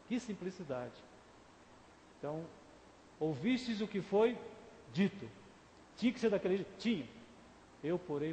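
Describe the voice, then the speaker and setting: Speaking with a Brazilian Portuguese accent in a fairly high, mellow voice, a male pastor delivers a conversational sermon in a church sanctuary and frequently asks the congregation questions. The echoey hall carries faint ambience, along with a little hiss or hum.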